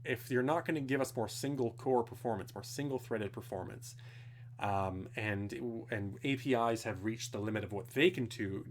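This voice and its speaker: Indoors at home, a young streamer works loosely through technical viewer questions in a casual live Q&A, cursing here and there. His voice sits low, with slight background noise.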